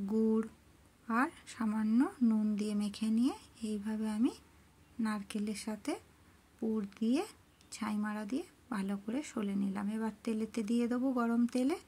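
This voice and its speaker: A middle-aged woman narrating her cooking and home worship step by step in a soft, homely way. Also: on the high side, slightly rough. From rural Bengal. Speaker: cooking and devotional vlogger.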